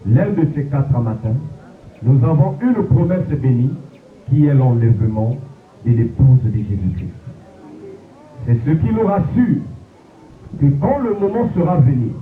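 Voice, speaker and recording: Man preaching a funeral sermon, echoey. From Congo. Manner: preacherly, swooping pitch drops at phrase ends. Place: funeral gathering. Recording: echoey, distant, phone-like lo-fi sound.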